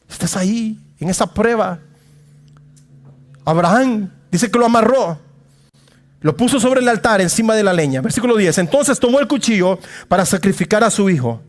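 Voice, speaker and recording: High-voiced man preaching with dramatic swings. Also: expressive, normal speed. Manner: dramatic preaching that swings between loud calls and hushed asides; casual humor, addresses congregation directly. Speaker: pastor. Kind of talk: sermon. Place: church.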